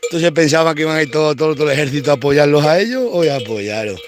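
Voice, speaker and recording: A man's voice: fairly high pitch, racing. A man, a cattle farmer, rambling to himself and calling out to his cows as he works outdoors. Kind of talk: casual monologue while working.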